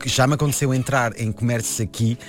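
A man's voice: mid-range voice, steady tone, a little fast, faint music behind. A man born and raised in France, a film director speaking Portuguese as an in an interview, hesitant and full of restarts. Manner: hesitant, many restarts and repeated words. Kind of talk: conversational interview.

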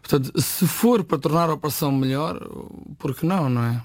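A man's voice: fairly high pitch, fast, dry recording. A man from Portugal with a European Portuguese accent, a chef answering interview questions, often repeating words as he searches for them.

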